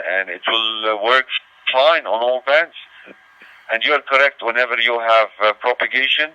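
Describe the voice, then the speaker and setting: A Lebanese man chats casually over amateur radio, hesitating and repeating his phrases. His voice is lowish yet bright, forceful, clear and resonant. The audio is a dull lo-fi digital radio transmission.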